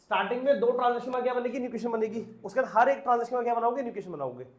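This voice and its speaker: A man with a fairly high voice gives an accounts lesson at a brisk clip. He poses questions to the class and answers them himself. The sound is roomy, with a noticeable echo. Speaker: accounts teacher. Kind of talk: classroom lecture.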